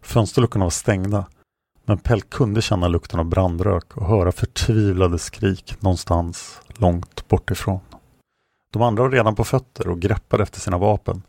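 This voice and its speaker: Deep, gravelly male audiobook narrator. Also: a little mellow, no room sound.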